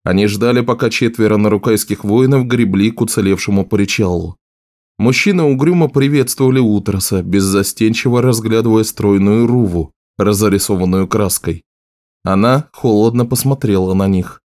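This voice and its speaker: A man narrating a fantasy audiobook in a steady, even reading. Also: fairly low pitch, moderate pace. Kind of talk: scripted narration.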